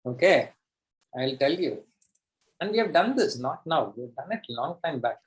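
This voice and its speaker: A man with an Indian accent and a fairly high voice coaches a live online class. He speaks emphatically and pushes his listeners, often repeating a phrase to drive it home. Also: big pitch swings, moderate pace. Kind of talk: live interactive teaching, mixing English and Hindi.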